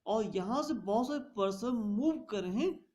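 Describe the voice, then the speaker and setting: A woman's voice: on the high side, animated, moderate pace, dark tone. A woman teaching a revision lecture, reading points out in English and explaining them in Hindi.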